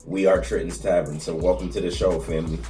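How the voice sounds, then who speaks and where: A man with a very low voice chats casually and leans on easy slang. He sounds set back from the mic in a roomy, echoing space, with faint music behind him. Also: little pitch movement, fast, recorded from a distance. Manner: laid-back slang-heavy talk. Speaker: podcast co-host. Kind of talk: casual chat.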